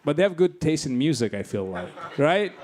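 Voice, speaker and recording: His voice a little high, sing-song and brisk, a young man from Bangladesh does stand-up with crass, brash crowd work on a club stage. Loud audience laughter roars in the background.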